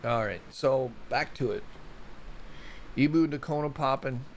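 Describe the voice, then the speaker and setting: A man's voice: mid-range voice, measured pace, a little hiss or hum. A man hosting a casual solo news report on volcanoes, rambling and chatty, often stumbling over place names. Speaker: show host.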